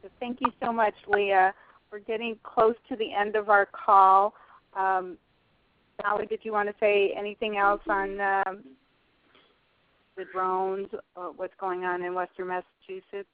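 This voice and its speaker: A woman's voice: medium pitch, level tone, measured pace, smooth, dry recording. Woman moderating over a tinny phone line. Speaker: host of a conference call. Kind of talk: moderating a question session.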